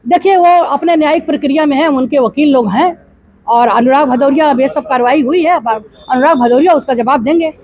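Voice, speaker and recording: In a news interview, an older woman politician from Gorakhpur in India's eastern Uttar Pradesh counters the reporter with indignant rhetorical questions. Her high voice is brisk with a darkish tone.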